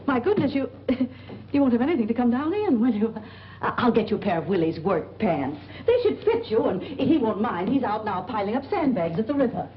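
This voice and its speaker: In a 1940s film, an actress plays a scatterbrained, kindly landlady who chatters away, flustered yet kind. Her slightly high, sing-song voice runs fairly quick, heard through a muffled old soundtrack with hiss.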